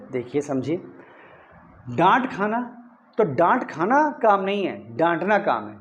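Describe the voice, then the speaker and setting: In a Hindi-language lesson, a man teaches English grammar step by step and frequently checks that his students are following. His voice is a little high, and the sound is lo-fi.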